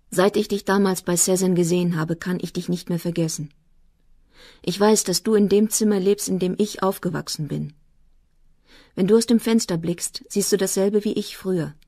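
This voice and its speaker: Brief: heartfelt young letter-writer, read by a woman narrator, lowish, close and dry. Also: mellow, no room sound. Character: young man writing a love letter, earnest.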